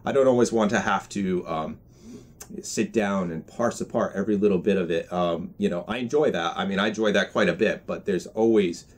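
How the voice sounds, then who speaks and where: Young male reviewer, 20s, low-pitched, thoughtful pauses, casual and measured delivery, recorded indoors. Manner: measured, hesitant, pausing to find words. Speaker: product reviewer. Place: indoors in a small room with bookshelves.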